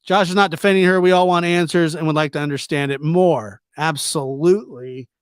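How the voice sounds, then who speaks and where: The man's voice is fairly high and smooth, fairly quick, with fairly even intonation. He's a livestream host doing casual live chat commentary, answering viewer comments in an informal, teasing manner and often saying the same things again. The sound is clean studio quality without room sound.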